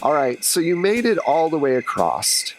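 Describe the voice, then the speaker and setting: A man with a fairly high voice and wide pitch swings acts as game master for a tabletop roleplaying game, narrating at a normal pace in a conversational, improvised style. He tells the story in second person, and the recording is rough.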